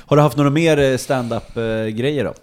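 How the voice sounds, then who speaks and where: A man chiming in on a casual podcast with brief questions and reactions. He keeps to quick asides rather than long turns. His voice sits at an everyday middle pitch. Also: darkish tone, clear, resonant tone.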